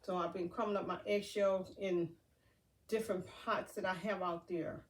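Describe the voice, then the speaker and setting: Standing outdoors by a garden, this woman vlogs an unboxing in a loose, filler-heavy ramble, her nose audibly stuffy. She speaks at a normal pace in a fairly low, steady voice. Because she's far from the microphone, the noisy audio sounds off-mic.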